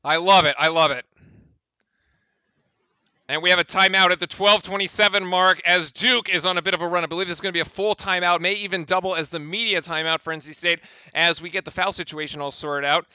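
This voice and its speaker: A man doing excited live play-by-play for a fan stream, chatting with viewers and shouting on big plays. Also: sits high, fairly quick, clear, resonant tone, dry recording.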